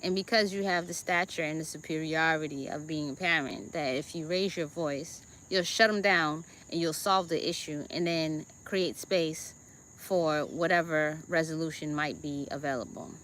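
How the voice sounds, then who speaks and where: A woman with a Jamaican accent gives a deliberate self-help talk as host, often checking in with her listeners with "okay?" and "right?". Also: deep voice, fairly bright tone, slight background noise.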